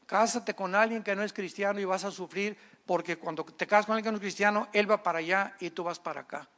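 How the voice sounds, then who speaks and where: A man preaching a sermon, lively and humorous, acting out the people he quotes. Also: high voice, quick pace. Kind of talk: sermon on marriage.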